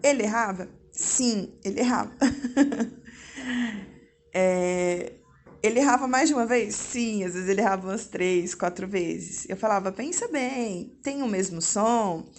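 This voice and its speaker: A woman talks to her viewers from home in a relaxed, conversational way. She is a mother explaining step by step, her voice in the middle range, and she keeps checking in with quick tag questions as she goes. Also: medium pitch, slight background noise. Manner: chatty, frequent tag questions. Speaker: mother and vlogger. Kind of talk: casual explanatory vlog. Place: at home indoors.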